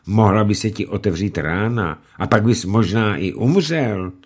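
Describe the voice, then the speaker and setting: A gentle young woman coaxing a stubborn friend, as a man voices her in an audiobook. Her lines come soft and quiet, in a low voice. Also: lightly acted.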